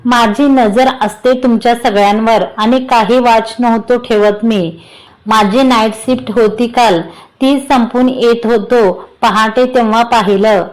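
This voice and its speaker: A man's voice: very high-pitched, steady tone, a little slow, poor audio. A woman voicing a bossy young man who teases his friend in a spoken story. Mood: teasing.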